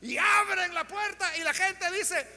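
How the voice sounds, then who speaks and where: A man preaching a sermon, retelling a story dramatically and shouting out the characters' lines. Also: extremely high pitch, unhurried, gravelly, in a large hall, noisy background.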